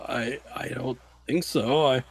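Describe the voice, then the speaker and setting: A man voicing a modest male scientist who speaks in a halting, flustered way in a tabletop game. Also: medium pitch, fairly even intonation, noisy background, lightly acted. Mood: flustered, hesitant.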